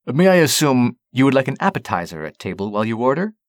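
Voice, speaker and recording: A man reading a storybook, voicing a smiling, gracious male maitre d' who booms his welcomes. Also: sing-song, fast talker, no echo, studio quality, close to an everyday voice. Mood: courteous. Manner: booming, courteous.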